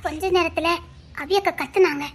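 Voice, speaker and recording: A woman's voice: very high voice, steady tone, a little fast. A woman acting a frightened young wife who pleads tearfully with her husband in a family drama. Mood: worried.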